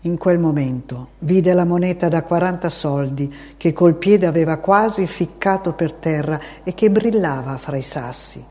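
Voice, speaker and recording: A narrator reading a classic novel aloud in a steady, measured way. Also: medium pitch. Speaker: audiobook narrator. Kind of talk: scripted literary narration.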